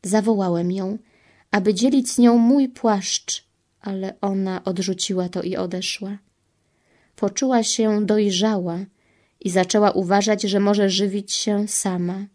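A woman reading the part of Jesus as a grieving, pleading divine man, solemn and measured. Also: mid-range voice, steady tone, darkish tone, lightly acted. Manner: solemn, sorrowful, slow and measured. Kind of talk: devotional reading.

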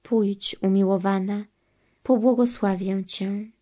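A woman voicing Jesus as a gentle, solemn male divine teacher, speaking slowly and tenderly. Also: mid-range voice, steady tone.

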